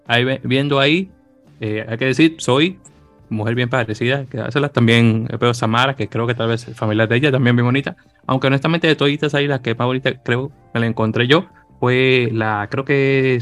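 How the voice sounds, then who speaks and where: A man's voice: medium pitch, no room sound. A man hosting a sports podcast in casual chat, rambling with many hesitations and restarts. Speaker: podcast host.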